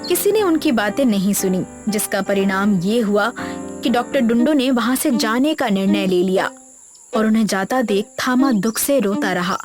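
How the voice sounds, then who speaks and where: A woman narrating an animated children's story in a steady, dramatic storytelling manner, over background music. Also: on the high side.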